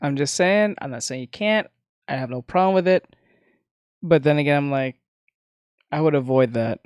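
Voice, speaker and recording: A man's voice: fairly high pitch, normal speed, clean tone, dry recording, studio quality. A man streaming casually as he reacts to a video, laughing often, swearing and talking over it.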